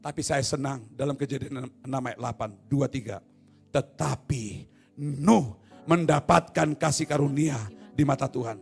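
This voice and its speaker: A male pastor preaching a sermon in a church service, swinging from soft, low asides to loud shouted appeals, with teasing jokes along the way. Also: moderate pace, vocal fry, slightly rough, soft background music. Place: church hall. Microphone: no mic at times.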